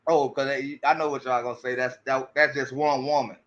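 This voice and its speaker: A man's voice: medium pitch, flat delivery, fairly quick, fairly bright tone, highs cut off. A man giving casual commentary, often restarting his sentences and repeating rhetorical questions to his audience. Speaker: commentary streamer.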